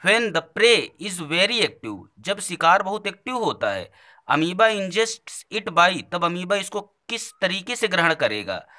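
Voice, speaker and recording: A man's voice: sits high, sharp tone. A man with an Indian accent giving a biology exam revision lecture. He reads each question in English, then restates and answers it in Hindi. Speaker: biology teacher.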